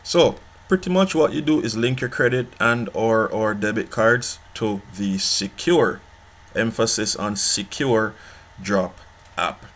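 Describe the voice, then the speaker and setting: A man's voice: unhurried, a bit bright. A man hosting an app review channel. He talks casually, repeats his points and keeps checking in with "okay?". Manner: pitchy, repeats himself, asks "okay?" often. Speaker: online money-making channel host.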